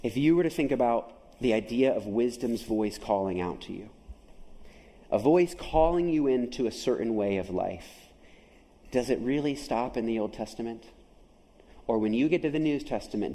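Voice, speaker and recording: A man's voice: mid-range voice, lively intonation, normal speed, warm tone, long reverb tail, poor audio. A man preaching a sermon as pastor, emphatic, often asking his listeners questions. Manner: emphatic, asks the audience questions. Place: chapel.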